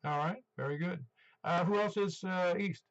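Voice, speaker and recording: A man in his seventies speaks over a dull, band-limited ham radio. His voice sits a little high for a man and is full of gravelly creak. He runs the net check-in casually, chatting and rambling in an easygoing way. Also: normal speed. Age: 70s. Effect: two-way radio transmission. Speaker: amateur radio net controller.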